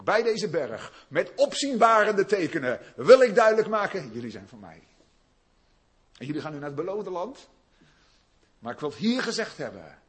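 A male preacher delivers a sermon, his husky voice swinging widely in pitch. He builds to loud, emphatic peaks, then falls back to low, quiet asides.

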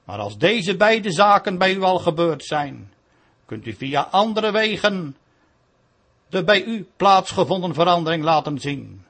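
A man's voice: sits high, animated, measured pace, fairly bright tone, husky. A man preaching a sermon in a solemn, pleading manner.

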